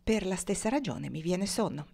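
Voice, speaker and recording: Woman reading a wry, calm gentleman. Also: lowish voice, moderate pace, gravelly, slightly rough, heavily acted. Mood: amused, gentle. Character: worldly gentle-humored grown man.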